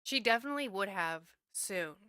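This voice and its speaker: Chatty woman host for a casual recap, bright and dry. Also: medium pitch, lively intonation, normal speed, clean tone, no echo. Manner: chatty, laughs often. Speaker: podcast host.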